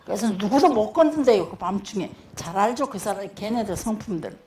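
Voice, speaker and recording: A woman's voice: medium pitch, animated, fairly quick, a little mellow. An older woman with a South Jeolla accent, a pastor's wife telling stories in a church testimony talk and acting out voices. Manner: chatty, storytelling, acts out voices.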